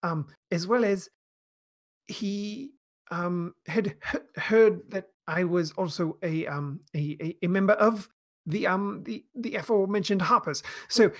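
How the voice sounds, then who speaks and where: A woman's voice: mid-range voice, unhurried, natural voice. A woman voicing a hesitant, evasive male elf in a tabletop game, stammering through formal, fussy wording. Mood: flustered.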